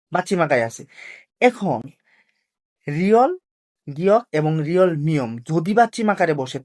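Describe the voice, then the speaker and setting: A patient teacher walks through a video lesson. They ask quick questions of the audience, answer them, and repeat each point carefully. The pitch sits in a middle range. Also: a little mellow. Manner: slow, careful drilling of pronunciation rules. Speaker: language teacher. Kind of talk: classroom-style video lesson.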